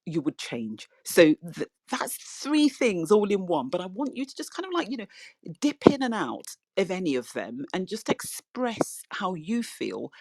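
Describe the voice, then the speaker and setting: A woman's voice: medium pitch, very animated, measured pace, darkish tone, no echo, rough recording. A woman hosting an interview, asking a long rambling question full of fillers and restarts. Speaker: podcast host. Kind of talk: casual interview on a social audio app.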